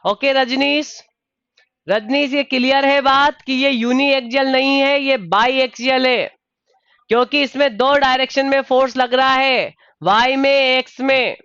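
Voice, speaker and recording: A man with a high, smooth voice tutors a live online engineering exam class, calling on students by name and calling them dear. His measured delivery stays steady and even in pitch, and he patiently repeats his questions. The lo-fi sound is dry and a little dull, with no room sound.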